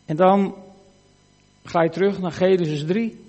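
Guy preaching in church, fairly high voice, long echo off the hall, earnest and goes soft n quiet a lot. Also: steady tone, measured pace, muffled recording, faint music behind. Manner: earnest, swings from emphatic to hushed. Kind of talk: sermon.

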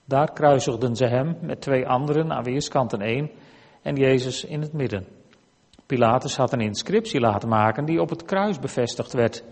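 Man reading scripture in church, slow and careful, long echo. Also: medium pitch, darkish tone. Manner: measured, deliberate reading. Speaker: scripture reader.

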